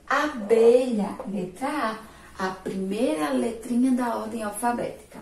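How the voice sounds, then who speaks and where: Woman, Sergipe Brazilian accent, literacy teacher for young kids, patient, very slow, fairly high voice, echoey room, distant mic. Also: dark tone, slight background noise. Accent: Sergipe Brazilian Portuguese. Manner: slow, patient, praises imagined answers, stretches syllables. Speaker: primary school teacher. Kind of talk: remote literacy lesson for young children.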